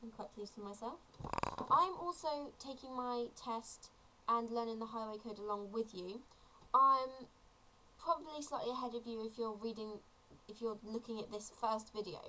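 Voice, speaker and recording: Teen girl, 17, casual vlogger, earnest and chatty, slightly high voice. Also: moderate pace, bright, forceful tone, low-quality recording. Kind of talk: casual tutorial vlog.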